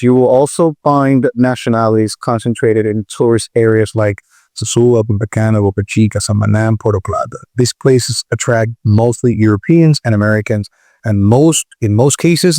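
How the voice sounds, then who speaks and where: A man from the Republic, hosting his own channel and explaining in a measured way with frequent pauses. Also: mid-range voice, a little mellow, no echo, clean studio sound. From Dominican Republic. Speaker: video host. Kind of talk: explanatory commentary.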